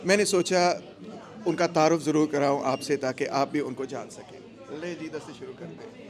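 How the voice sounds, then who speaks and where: A man's voice: a little high, steady tone, normal speed, crowd noise. A man talking casually to his camera as he narrates a travel vlog and explains things to viewers. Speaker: vlogger and political commentator.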